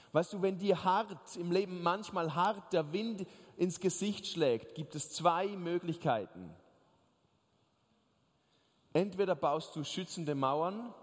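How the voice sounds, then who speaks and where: A male preacher with a high voice delivers a lively sermon, turning to his listeners with asides and jokes. His voice rings out with a long echo, as in a large hall or church. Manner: animated storytelling, addresses listeners directly with jokes.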